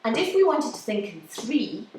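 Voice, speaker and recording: This is a live lecture with demonstrations, held indoors before an audience, where a woman musician explains concepts with halting pauses and counts the beats aloud. Her voice sits on the high side and is very animated. Faint noise and strong room echo come through the distant microphone.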